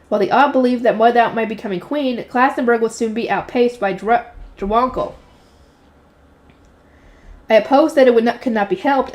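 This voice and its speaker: A woman reading a light novel aloud, unrehearsed, often slipping and correcting herself. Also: on the high side. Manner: unrehearsed reading with frequent slips and self-corrections.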